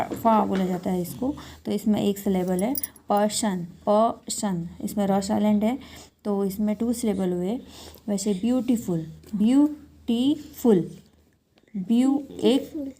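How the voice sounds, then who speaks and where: A woman giving a slow explanatory lesson on English poetry terms, breaking words into syllables and pausing with fillers. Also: mid-range voice, mellow. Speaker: English literature tutor.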